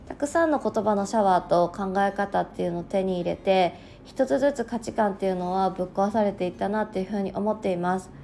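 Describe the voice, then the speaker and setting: A woman in her thirties who hosts a casual solo podcast as a working mother, talking in a soft, reflective way with frequent fillers and a slightly sleepy, slow tongue. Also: medium pitch. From regional Japan.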